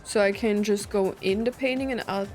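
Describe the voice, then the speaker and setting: A female game streamer with a mid-range voice comments casually on her gameplay at a moderate pace, giggling, poking fun at herself, and letting out exclamations. Game music plays in the background.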